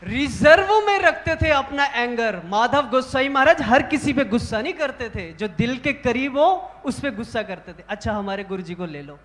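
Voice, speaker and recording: A man, a monk, telling devotional stories to a large gathering in an animated, emphatic way. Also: very high voice, big-room sound. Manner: animated, rising to emphatic exclamations. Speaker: monk speaking at a religious assembly. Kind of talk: devotional storytelling talk. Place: large gathering hall of monks.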